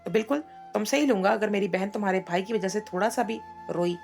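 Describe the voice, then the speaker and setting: A woman voicing a stern, curt young husband who scolds, in a read-aloud story, with a gravelly voice. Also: medium pitch, fast, a little mellow, faint music behind, close to an everyday voice.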